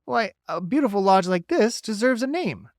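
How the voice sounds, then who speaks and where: In clean studio quality with no echo, a man gives an audiobook's chatty male beaver a high, animated voice pitched above his own. The friendly beaver eagerly offers folksy advice at a normal speed.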